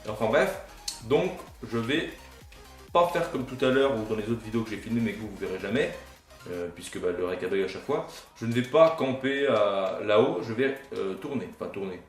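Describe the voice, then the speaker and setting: A man's voice: lowish voice, a little fast, distant mic. A young man giving casual gameplay commentary as a gaming YouTuber, rambling and self-mocking with casual swearing. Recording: roomy, off-mic, faint game music.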